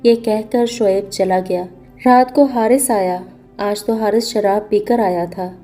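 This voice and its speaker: A woman narrating a scripted story in a steady, earnest storytelling manner. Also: medium pitch, faint music behind.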